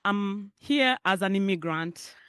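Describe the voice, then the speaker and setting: A middle-aged Ugandan woman gives a keynote in a chatty, conversational way. Her voice is smooth and clear. The sound is dry and close. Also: mid-range voice, takes it slowly, no echo. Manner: warm, conversational, laughs often. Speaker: keynote speaker. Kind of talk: public speech.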